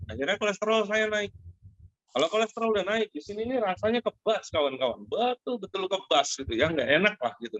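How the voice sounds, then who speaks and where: A middle-aged man speaks over a muffled, lo-fi video call. The room sounds dry and close. He tells a personal story in a lively way and stops often for fillers and asides to his friends. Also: on the high side, no room sound. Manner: animated storyteller, addresses listeners as friends, many fillers. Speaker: Zoom meeting host giving a product testimonial. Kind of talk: casual spoken testimonial to an online group.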